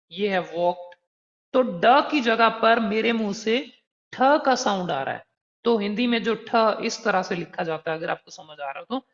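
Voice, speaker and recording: A man's voice, very high and a bit bright, carries a patient, conversational exam preparation lesson built around worked examples. It was recorded as an online lesson, and the sound is dull and slightly lo-fi.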